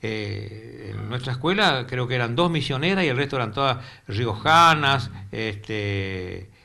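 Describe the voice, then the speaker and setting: An older Argentine man with a Corrientes accent speaks as a TV interview guest. His voice is bright and forceful at a middle pitch, and he strings his memories together loosely, often repeating words before he finds the next one. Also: lively intonation, a little slow, gravelly. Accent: Argentine Spanish, Corrientes. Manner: rambling, repeats words while searching for them. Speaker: retired teacher, interview guest. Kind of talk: casual interview. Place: local cable TV studio.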